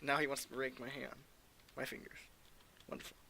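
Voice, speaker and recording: A male player in a casual tabletop game. His voice is bright and forceful, and he sounds nervous and joking. He sits in a middle pitch. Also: little pitch movement, fairly quick, gravelly. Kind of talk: casual tabletop role-play.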